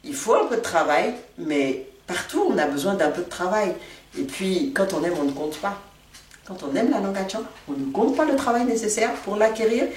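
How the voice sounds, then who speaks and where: A woman teaching vocabulary in a patient lesson, repeating each word carefully for learners. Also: medium pitch. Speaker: language teacher. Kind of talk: slow, deliberate language lesson. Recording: echoey room, far from mic, faint noise.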